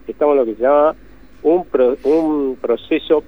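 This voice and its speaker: Speaking at a moderate pace in a slightly high voice, an Argentine man answers interview questions as an economist guest. He is emphatic and repeatedly rephrases, and the phone line sounds tinny.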